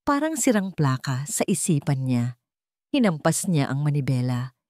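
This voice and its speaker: Reading as the narrator of a dramatic love story, this Filipino woman is very animated, yet measured and emotive, with a low, darkish voice. The recording is close and dry.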